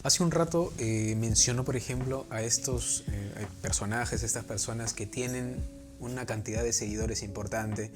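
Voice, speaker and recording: A man from Peru hosting an interview, asking long questions with many pauses and restarts. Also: medium pitch, over music. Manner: hesitant, many fillers and restarts while asking. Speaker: interview host.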